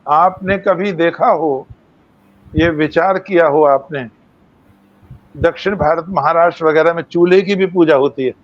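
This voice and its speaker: A man's voice: a little high, measured pace, lo-fi sound. An older man giving a devotional lecture, telling stories and acting out the voices of sages and animals. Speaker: main speaker.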